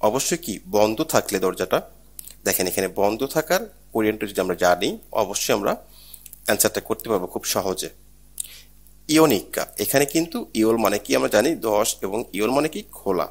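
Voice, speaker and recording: A man's voice: lowish voice, expressive, brisk. A man teaching a Korean exam prep lesson, explaining each question step by step and asking rhetorical questions as he goes.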